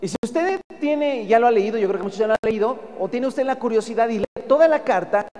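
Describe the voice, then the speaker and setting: A Mexican-accented preacher giving a sermon, pressing each point home with emphasis and posing rhetorical questions to the congregation. The voice sits at a middling pitch, and a long hall reverb trails after every phrase. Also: lively intonation, brisk, a little mellow. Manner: emphatic, keeps calling listeners "brother", asks rhetorical questions.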